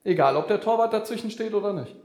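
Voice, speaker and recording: A man's voice: sits high, lively intonation, fast talker, darkish tone, echoey room. A man preaching a sermon, speaking animatedly with vivid comparisons and addressing the listeners directly.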